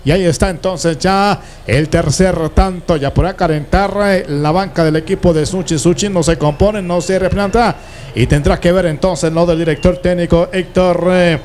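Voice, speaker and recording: A man's voice: high-pitched, fairly even intonation, moderate pace, a little mellow. A man giving live play-by-play commentary on a football match. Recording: noisy live broadcast ambience.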